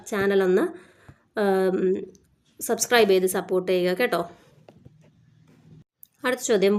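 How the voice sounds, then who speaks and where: Woman coaching teacher, mid-pitched voice, reads questions out deliberately, explains quickly, close mic. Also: a little mellow. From Kerala, India. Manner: reads English questions slowly, then explains briskly in Malayalam. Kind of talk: exam question review lesson.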